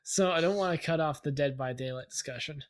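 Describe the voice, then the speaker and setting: A man co-hosting a gaming podcast in casual chat, rambling and steering the talk with many pauses. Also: a little high. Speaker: podcast co-host.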